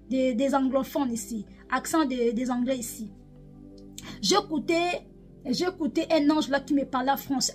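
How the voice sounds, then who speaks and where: Woman from DR Congo, prophetess, very high voice, repetitive emotional testimony, faint music underneath. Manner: repetitive, emotional, switching into chanting. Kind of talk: testimony of a spiritual vision.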